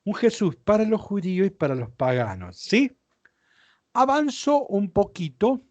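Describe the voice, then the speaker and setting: A male Bible teacher walks his class through slides, explaining patiently and pausing to ask if everything is clear. His voice sits high and moves around a great deal in pitch. The sound is dry and close, with no room echo. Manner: explanatory, checks understanding with questions. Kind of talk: lecture with slides.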